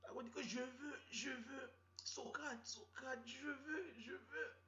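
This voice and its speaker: A man's voice: very high voice, slow, bright, forceful tone, pitched above the performer's own voice, exaggerated voice. A man voicing an insistent young girlfriend who pleads over and over. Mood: pleading whine. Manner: pleading, repetitive whining. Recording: roomy, dull lo-fi sound.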